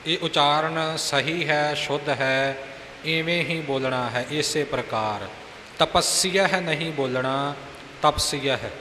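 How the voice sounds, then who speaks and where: A man teaching scripture recitation speaks slowly and deliberately, correcting pronunciation and repeating phrases. His voice sits a little high. The room is echoey with long reverb and a faint hiss. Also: steady tone, pushed and bright.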